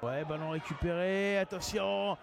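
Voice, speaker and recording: A male football commentator calls the action excitedly in short, exclamatory bursts. His voice is extremely high and creaky, with a clearly audible crowd behind him. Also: unhurried, a little hiss or hum. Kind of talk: excited live sports commentary.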